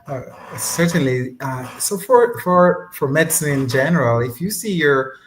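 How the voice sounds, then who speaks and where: A man, a physician on a panel, speaking in a measured, hesitant way with many pauses and restarts. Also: on the high side, lively intonation, slight background noise, poor audio. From Jamaica. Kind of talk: casual panel discussion.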